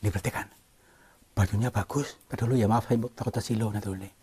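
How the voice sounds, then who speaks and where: A man talks softly and apologetically inside a cave, stumbling over fillers and apologies. His voice is dark and mellow, slightly husky, and sits low. The recording is an on-location vlog. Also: steady tone, fast. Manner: hesitant, apologetic, many fillers. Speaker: cave-exploring vlogger. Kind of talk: hushed polite on-location talk.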